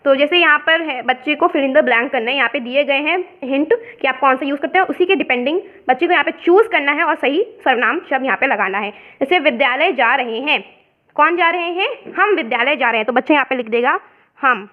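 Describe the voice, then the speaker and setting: Woman teacher from India, explains step by step, high voice, muffled lo-fi audio. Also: brisk. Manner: explains step by step, mixing in English words. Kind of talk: worksheet explanation lesson. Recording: dull lo-fi sound.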